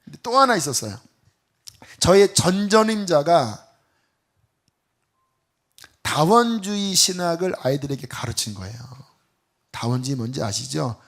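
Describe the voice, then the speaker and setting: A middle-aged man, a pastor, preaching a Friday sermon and telling a personal story with animated, acted-out quotes. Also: fairly high pitch, a little slow, long pauses.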